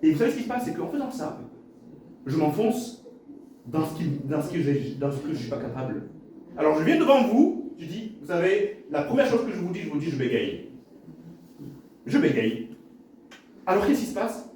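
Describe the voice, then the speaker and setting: A man delivers a sermon with a lively, swinging pitch and a voice a touch higher than usual. He repeats himself for effect and stammers at times. He is heard from a distance in a strongly echoing hall with faint noise behind him. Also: normal speed, pauses often. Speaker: pastor.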